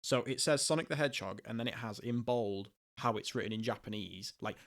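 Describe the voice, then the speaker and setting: A man's voice: mid-range voice, a little fast, a bit bright. A young man hosting a podcast, chatting casually, laughing often and rambling through asides. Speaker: podcast host.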